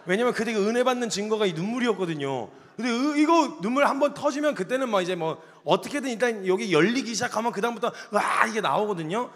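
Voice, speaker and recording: A man in his thirties preaching with humor, animated and acting out the arguments he describes. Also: sits high, quick pace, few pauses, in a large hall. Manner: animated, acts out quoted arguments. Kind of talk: humorous sermon storytelling.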